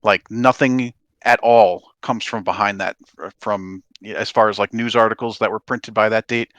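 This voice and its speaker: A man's voice: lowish voice, fairly even intonation, moderate pace, a bit bright, no room sound. A man working as game master, explaining and narrating a tabletop game in an informal, conversational way.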